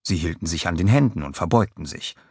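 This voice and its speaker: A male audiobook narrator with a low, somewhat husky voice, reading with lively, varied expression. The recording is dry and close, with no room sound. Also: fast talker, no room sound. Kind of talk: scripted narration.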